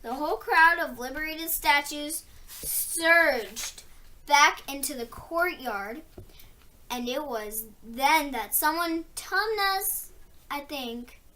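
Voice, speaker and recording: A woman reading a children's novel aloud expressively, with deliberate, dramatic emphasis. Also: high-pitched, pushed and bright. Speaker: storybook reader.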